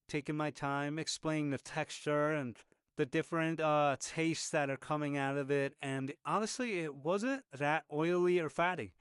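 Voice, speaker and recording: Smooth and a little high, a man's voice narrates a casual, conversational account of a meal over footage, sprinkling in plenty of fillers. He's a food reviewer. The studio recording is clean, with no room sound.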